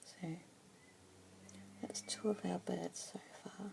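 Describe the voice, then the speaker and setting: A young woman plays a pet adoption consultant in a whispered ASMR roleplay, speaking slowly and gently in a soft, unvoiced whisper. Her voice sits on the low side, creaky and level in tone.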